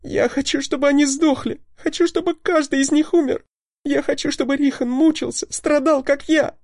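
A man's voice: fairly even intonation, moderate pace, gravelly, darkish tone, dry recording, clean studio sound. A man voicing a sobbing, vengeful young woman. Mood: furious. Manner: sobbing, pleading, trembling high voice.

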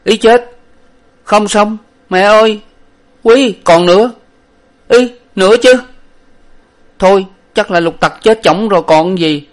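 Man doing a shrill blubbering young servant. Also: slow, pauses often. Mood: panicked wailing. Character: young male servant, timid and wailing.

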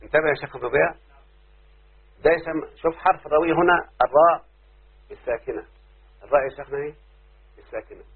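With a fairly high pitch, vocal fry and a breathy edge, a fast-talking sheikh with an Egyptian Arabic accent teaches Arabic rhyme to a class, leaving long pauses. He quizzes his students again and again with repeated questions, and the recording is very tinny and lo-fi.

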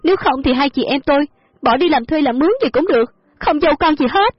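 A woman's voice: high-pitched, animated, fast, no echo, voice pushed up. A woman voicing a devoted young teenage girl who pleads earnestly, in a dull lo-fi audio story with faint music behind. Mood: pleading.

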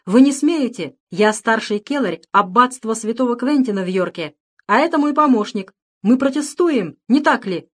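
A woman reading a storybook, voicing a pompous, indignant male monk with a hoarse voice. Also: on the high side, animated, moderate pace, voice pushed up. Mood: blustering. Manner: indignant, blustering.

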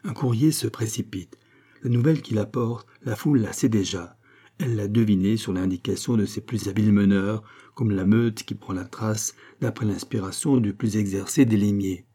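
Husky-voiced male audiobook narrator. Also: fairly low pitch. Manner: steady, measured literary reading. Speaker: audiobook reader. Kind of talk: scripted narration.

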